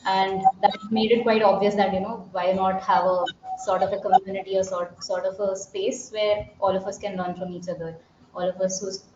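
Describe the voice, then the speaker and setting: A woman's voice: mid-range voice, flat delivery, moderate pace, darkish tone. A woman with an Indian accent, casually hosting a group discussion on an online call. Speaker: host. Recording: roomy, muffled, faintly noisy call.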